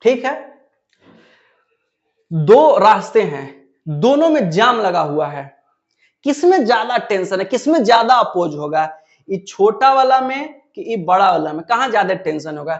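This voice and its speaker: A man's voice: high voice, very animated, measured pace, lo-fi sound. A man teaching a physics lesson, who asks the class questions and then answers them himself. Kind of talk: classroom lecture.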